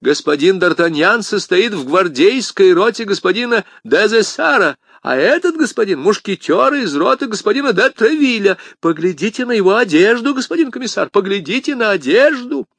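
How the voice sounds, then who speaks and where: A man voicing a frightened, fussy middle-aged landlord who pleads in a shrill, flustered voice. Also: lively intonation, moderate pace, creaky, hardly any pauses, fairly bright tone, husky, no echo, exaggerated voice. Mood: insistent.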